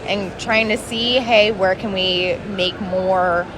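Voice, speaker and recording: A woman's voice: mid-range voice, steady tone, slow. Young woman interviewed at a noisy event. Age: young adult. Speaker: grad student interviewee. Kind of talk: casual interview answers at an event. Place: at a conference event. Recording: clear background noise of event.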